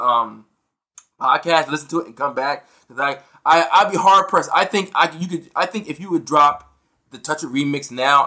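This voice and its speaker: Podcast co-host, male, excitable rambler, bright forceful tone, fairly high voice. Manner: excitable, rambling with many restarts and fillers. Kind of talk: casual chat.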